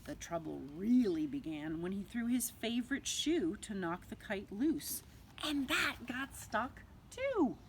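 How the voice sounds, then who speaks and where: In nursery-teacher fashion, a woman expressively reads a picture book to young children, drawing out words and adding dramatic pauses. Her mid-range voice swings widely in pitch, with a little hiss or hum in the recording.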